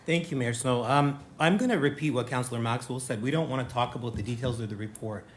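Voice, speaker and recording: A man's voice: mid-range voice, quick pace. Guy on council backing his colleague, plain and earnest, faint background hum. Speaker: town councillor. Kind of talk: council meeting debate.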